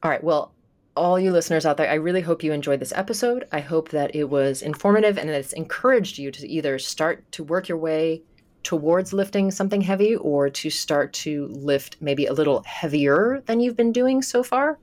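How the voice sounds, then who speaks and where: A woman co-hosting a podcast, chatting casually and signing off the episode in a relaxed way. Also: deep voice, normal speed. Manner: chatty, relaxed sign-off with laughs. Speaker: podcast co-host.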